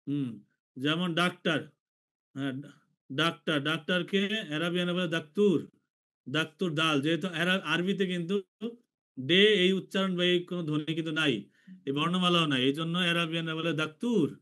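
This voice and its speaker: A man from Bangladesh teaching an online language class, slowly repeating each letter for his students. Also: fairly high pitch, fairly even intonation, fairly bright tone. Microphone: video call.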